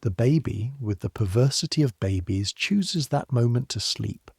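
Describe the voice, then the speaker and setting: A man calmly narrating a scripted history story for sleep, addressing the listener in measured second person. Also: medium pitch, gravelly, slightly rough, no echo, clean studio sound.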